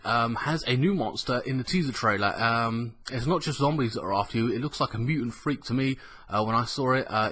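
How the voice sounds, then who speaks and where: A man with a slightly croaky, under-the-weather voice, hosting a casual gaming news vlog in a rambling, colloquial, sweary way. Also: medium pitch, pushed and bright. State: ill with a cough. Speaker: gaming news show host.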